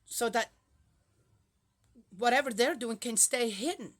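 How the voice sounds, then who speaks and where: A Bible-reading vlogger from Switzerland, in her 60s, rambles chattily to her viewers, tossing out rhetorical questions. Her voice is on the high side and her pace measured.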